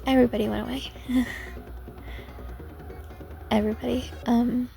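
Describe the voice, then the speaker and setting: A woman hosting her own podcast, talking hesitantly and softly about her personal life, with many pauses and restarts. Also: fairly high pitch, level tone, gravelly, faint music behind. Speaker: podcast host. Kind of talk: personal reflective podcast talk.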